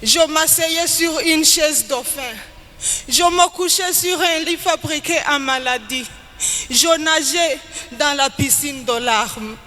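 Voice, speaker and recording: A woman with a high-pitched, bright, forceful voice performs dramatic spoken-word poetry at a live event in a large hall. She declaims slowly and emphatically, her phrases rising and falling, while the hall's echo and background noise fill the recording.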